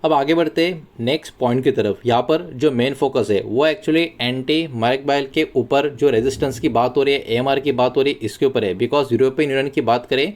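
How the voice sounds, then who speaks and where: A man's voice: medium pitch, normal speed, hardly any pauses, a little mellow. A man hosting a stock market news channel, explaining the news in a conversational tone and often mixing English words into his sentences. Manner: conversational, mixes English words into Hindi, repeats phrases. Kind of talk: casual explainer monologue.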